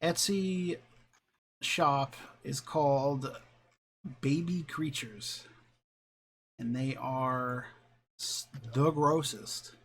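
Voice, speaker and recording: A man's voice: mid-range voice, extremely slow, long pauses, fairly bright tone, a little hiss or hum. A young man co-hosting a casual podcast chat, joking and slipping into silly put-on voices. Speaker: podcast co-host.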